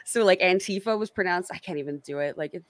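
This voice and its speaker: A woman's voice: lowish voice, quick pace. A woman hosting a casual online interview, talking in a rambling way with lots of fillers and self-corrections. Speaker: host.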